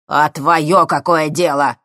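A man voicing a haughty, irritable male professor in an audiobook, gruff and scornful. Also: mid-range voice, unhurried, dry recording, clean studio sound. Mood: angry.

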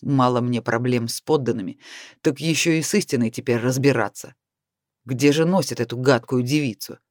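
A man narrating an audiobook in an even, steady reading voice. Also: medium pitch, normal speed, dry recording, clean studio sound. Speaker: audiobook reader.

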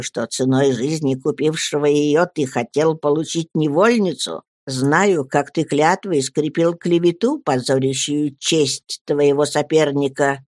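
Protective old crone, low and accusing, voiced by a woman reader; storybook read. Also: no room sound, studio quality.

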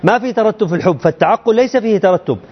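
Explaining a creed to students, this man speaks in a high, expressive voice at a racing pace, with a breathy edge. He keeps things colloquial and peppers them with rhetorical questions. The audio quality is lo-fi.

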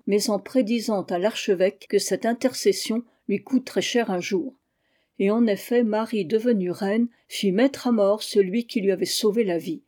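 Mellow-voiced woman reading an audiobook. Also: mid-range voice. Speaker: audiobook reader. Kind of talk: audiobook narration of a history book.

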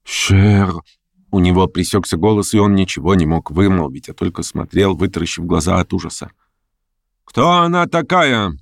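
A man narrating a classic novel in a measured, steady storytelling manner. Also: sits low, gravelly, no room sound. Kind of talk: audiobook reading of a classic novel.

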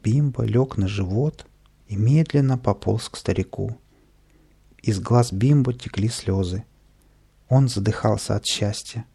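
A man narrating a children's storybook at a steady, even pace. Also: on the low side, measured pace, creaky, breathy edge. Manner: steady and even-paced, with lively voiced dialogue. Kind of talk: storybook reading.

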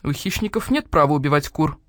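A woman's voice: sits low, expressive, brisk, dry recording, studio quality, voice pushed down. A woman doing a stern elder badger. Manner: stern, gruff.

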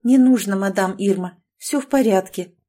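A woman voicing a tired, cool-headed young noblewoman who answers flatly and indifferently, in an audiobook. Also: medium pitch, moderate pace, lightly acted. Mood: weary.

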